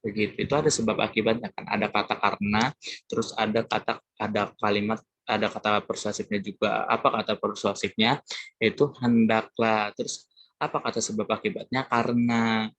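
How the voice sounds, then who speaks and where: A young man from Indonesia presents a lesson topic to his classmates. His voice sits low, and it is recorded dry and close. He talks casually, pausing often on hesitant fillers. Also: steady tone, a bit bright, husky, no room sound. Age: young adult. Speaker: student presenter.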